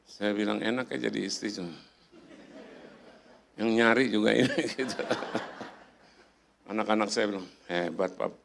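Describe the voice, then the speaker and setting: A man's voice: on the low side, fairly even intonation, moderate pace, vocal fry, pauses often, slight background noise. A middle-aged man preaching in a church, telling a personal story in a chatty way and acting out the voices of the people in it. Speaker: pastor. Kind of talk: sermon storytelling. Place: church hall.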